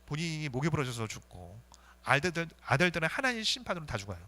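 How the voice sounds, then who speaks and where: Guy pastor preaching, voice swings all over, bright and kinda tense, earnest. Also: a little high, fast. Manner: earnest, lively preaching, rising and dropping to soft intensity. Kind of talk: sermon.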